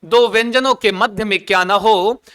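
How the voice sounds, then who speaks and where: A man's voice: high voice, a bit bright, smooth. A man teaching an online exam coaching lesson, playful, asking questions and answering them himself. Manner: chants an opening prayer slowly. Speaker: Sanskrit teacher.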